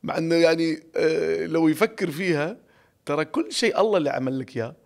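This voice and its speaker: A man in his forties with an Emirati Arabic accent, a podcast guest telling stories in an animated, reflective way, recorded close on a studio mic. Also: fairly high pitch, quick pace, vocal fry. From Ras Al Khaimah, UAE. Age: 40s. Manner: animated, gestures a lot, laughs often, reflective. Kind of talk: casual storytelling interview. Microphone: studio boom mic close up.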